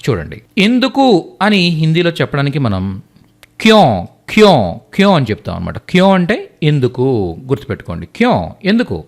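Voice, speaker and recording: A man teaching a spoken language lesson, repeating example phrases and often checking that the learners follow. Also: on the high side. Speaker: Hindi teacher. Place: teaching at a writing board.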